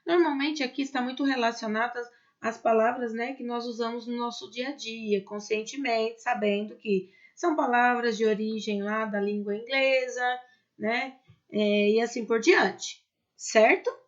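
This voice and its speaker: A Brazilian woman teaching a Spanish class, who stretches out example words and keeps checking in with quick tag questions. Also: on the high side, steady tone. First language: Portuguese. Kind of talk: recorded online class. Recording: dull lo-fi sound.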